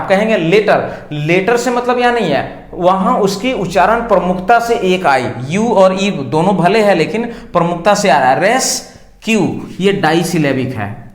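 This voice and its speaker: A man teaching English grammar in Hindi, slowly drawing out his example sentences and syllables. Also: high voice, reverberant. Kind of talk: Hindi-medium grammar lesson.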